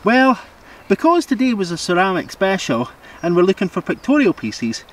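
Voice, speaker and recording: A man's voice: high-pitched, sing-song, normal speed. A Scottish man co-hosting a digging video, chatting playfully outdoors and laughing often. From Scotland. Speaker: mudlarking channel co-host. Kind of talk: casual chat while digging. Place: outdoors at a bottle dump.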